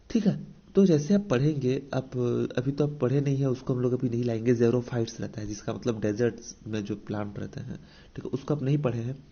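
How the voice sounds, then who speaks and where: A man with an Indian accent teaches vocabulary in a coaching-lesson style, with a husky, mellow voice. He repeats each point and asks his students rhetorical questions. The recording sounds dull and lo-fi. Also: mid-range voice. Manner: explains with repetition and rhetorical questions; mixes English definitions into Hindi speech.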